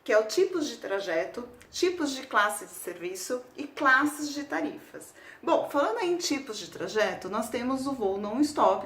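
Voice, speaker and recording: Chatty Brazilian woman, slightly high, roomy. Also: a bit bright. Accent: Brazilian Portuguese. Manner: chatty, tag questions on nearly every phrase, repeats words as she searches. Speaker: travel vlogger. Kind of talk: casual explanatory talk to camera. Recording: roomy echo.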